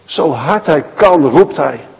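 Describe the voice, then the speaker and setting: A man preaching a children's sermon, telling a Bible story in a lively way and speaking directly to the children. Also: on the high side, slow pace, vocal fry, breathy edge, long reverb tail, low-quality recording.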